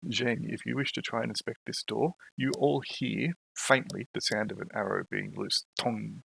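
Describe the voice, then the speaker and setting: A man's voice: lowish voice, moderate pace, vocal fry, husky, rough recording. A man narrating and ruling as game master of an online tabletop game. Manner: relaxed, describing scenes and rules.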